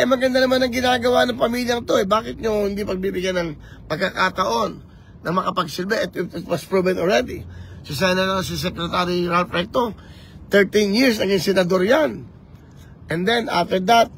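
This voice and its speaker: A man with a raised, rough-edged voice talks into a handheld phone from a moving vehicle. He shifts between languages in an animated, preachy manner. The road noise behind him stays faint. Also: high-pitched. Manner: animated, code-switching, preachy. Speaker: vlogger campaigning for office. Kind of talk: live vlog chat.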